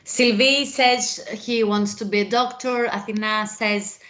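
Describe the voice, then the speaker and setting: A woman's voice: on the high side, steady tone, unhurried, a bit bright, slight background noise. Woman reading out chat comments. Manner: matter-of-fact, reporting what others wrote.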